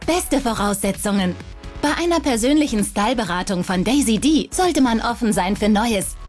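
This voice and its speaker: A woman with a slightly high voice reads the narration for a style show in a polished, steady tone. Light music runs under her. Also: normal speed. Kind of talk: scripted voice-over narration. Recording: voice-over with music bed.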